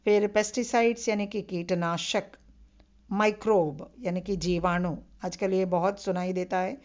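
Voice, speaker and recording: A woman's voice: medium pitch, fairly even intonation, a little slow, a little mellow, lo-fi sound. A woman lecturing on Hindi vocabulary, patiently repeating each term and reminding listeners to remember it. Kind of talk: recorded online lecture.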